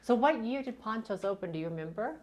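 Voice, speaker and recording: A woman's voice: a little high, expressive, fast talker, darkish tone. A woman interviewing someone, asking brief questions and follow-ups in a casual, friendly way.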